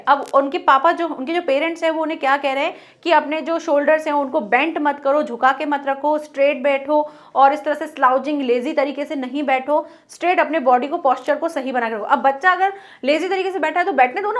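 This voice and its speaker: A woman teacher explaining a poem line by line, reading the English lines slowly and patiently. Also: high voice, fairly bright tone. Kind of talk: Hindi poem explanation lesson.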